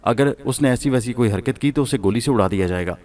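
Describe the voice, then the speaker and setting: A man's voice: medium pitch, darkish tone, close to an everyday voice. Man doing a tough armed woman, firm, decisive, storybook audio drama. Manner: firm, resolute. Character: bold woman carrying a machine gun.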